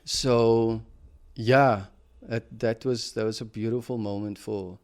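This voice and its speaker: A man's voice: lowish voice, fairly even intonation, slow, clear, resonant tone. A man hosting a podcast, telling a personal story in a reflective, casual way, with many fillers and restarts. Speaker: podcast host.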